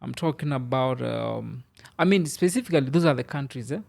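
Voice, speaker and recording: In a studio, a podcast guest rambles loosely through a casual interview chat, packing his speech with "you know" and "I mean." His medium-pitched voice is gravelly and darkish, and he talks fairly quickly.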